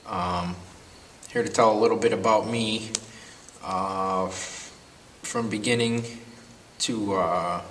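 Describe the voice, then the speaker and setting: A man in his twenties from Connecticut, recalling his youth in a measured, unhurried way for a documentary. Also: on the low side, steady tone, a bit bright, distant mic, a little hiss or hum. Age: 20s. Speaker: interviewee. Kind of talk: documentary testimony.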